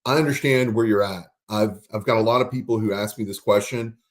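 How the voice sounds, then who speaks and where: A man hosting a podcast in casual conversation, explaining resources and spelling out words slowly. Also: on the low side. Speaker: podcast host.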